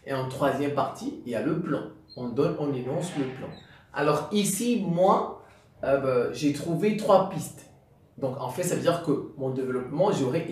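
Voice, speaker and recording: A man teaching a lesson in a halting, repetitive way, often restarting sentences and speaking directly to his students. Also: on the high side. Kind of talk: classroom-style explanation. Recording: very echoey room, mic far off.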